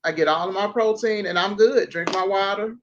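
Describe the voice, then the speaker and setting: A woman's voice: mid-range voice, fairly quick, a little hiss or hum. A woman hosting a casual livestream over a video call, chatty, running through lists of things at an easy pace. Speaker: host. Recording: dull lo-fi stream audio.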